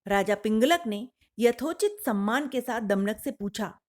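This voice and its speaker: A woman storyteller narrating a children's fable in a clear, measured way. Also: on the high side, lively intonation.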